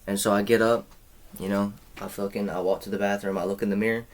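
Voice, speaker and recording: A vlogger in his twenties tells a rambling, profane story in a casual chat, packed with slang and filler and plenty of "bro." His fairly low voice moves fast with a flat delivery.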